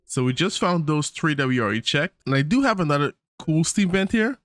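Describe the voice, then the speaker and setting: A man's voice: a little high, animated, brisk, fairly bright tone, dry recording. Upbeat man rambling over gameplay. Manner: rambling, upbeat, thinks aloud with fillers and small laughs. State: tired morning voice. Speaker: gaming channel host. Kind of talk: casual let's-play commentary.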